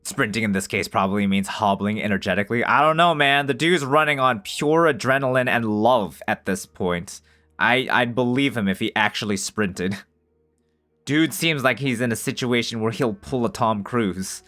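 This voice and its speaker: A man's voice: mid-range voice, moderate pace, pushed and bright, soft background music. A man reading a visual novel aloud as narration and breaking off to joke and swear in casual commentary. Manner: swears freely, jokes between narrated lines.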